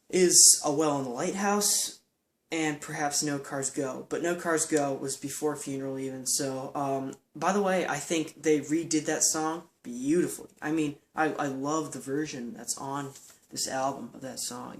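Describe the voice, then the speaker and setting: A man giving a casual, enthusiastic album review. He rambles, with lots of "um" and "like" and restarts. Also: a little high.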